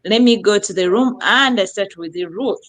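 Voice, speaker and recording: A middle-aged woman from Uganda hosting a live online talk show, lively and effusive, repeating words for emphasis. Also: medium pitch, moderate pace, rough recording. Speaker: host.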